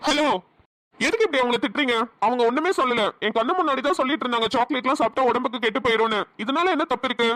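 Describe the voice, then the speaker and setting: Cartoon young husband with a Namakkal Tamil accent, quick and teasing, talking fast in a high voice, woman voicing him. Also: a bit bright, no room sound. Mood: defiant.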